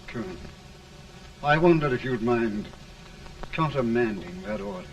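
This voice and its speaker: An actor playing a tired, merciful general who speaks quietly and politely, heard as early talkie film sound. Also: male voice, big pitch swings, normal speed, vocal fry, lo-fi sound, a little hiss or hum. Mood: weary. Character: weary, merciful older male general. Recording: distant mic, rumbly early film soundtrack.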